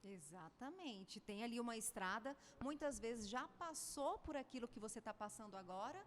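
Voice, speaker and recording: A woman hosting a podcast, a former journalist, affirming her guest in a measured, conversational way. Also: on the high side, expressive, big-room sound, slight background noise.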